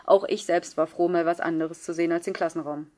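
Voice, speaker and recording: A woman reading a first-person novel aloud in a measured, subdued way. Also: on the low side, steady tone, mellow. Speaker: audiobook reader. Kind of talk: scripted first-person narration.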